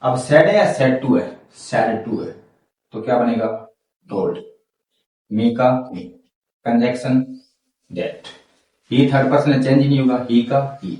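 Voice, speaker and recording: A man's voice: mid-range voice, slow, long pauses, a little mellow. Hindi-accent guy teaching english grammar, keeps quizzing his students, super echoey room, mic pretty far away. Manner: explains step by step, repeats and quizzes students, calls them beta. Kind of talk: classroom grammar lesson.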